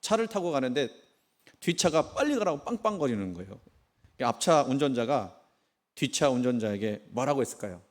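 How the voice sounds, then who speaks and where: Lively-voiced middle-aged pastor telling jokes. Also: male voice, medium pitch, normal speed. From Chungcheong, Korea. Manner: humorous storytelling, asks the congregation questions. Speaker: senior pastor. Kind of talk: sermon. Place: church sanctuary.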